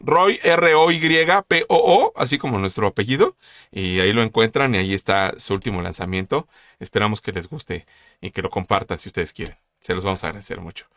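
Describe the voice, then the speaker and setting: A man's voice: on the low side, expressive, a little fast, a bit bright, dry recording. A man hosting a talk show about insurance, chatting casually in a friendly, rambling way with many fillers. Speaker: podcast host. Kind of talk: casual chat.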